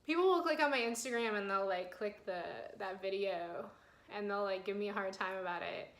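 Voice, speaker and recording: A woman's voice: mid-range voice, brisk. Young woman, 20s, candid phone vlogger, emotional and rambling, echoey room sound. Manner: flustered, fighting back tears, filler-heavy. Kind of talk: personal health vlog. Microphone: phone camera mic.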